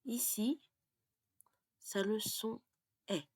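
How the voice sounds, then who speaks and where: A woman teaching French pronunciation, explaining slowly and dropping to a half-whisper as she writes things down. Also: on the high side, breathy edge, no echo. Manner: slow and deliberate, often drops to a half-whisper while writing. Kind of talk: slow explanatory lesson while writing on a board.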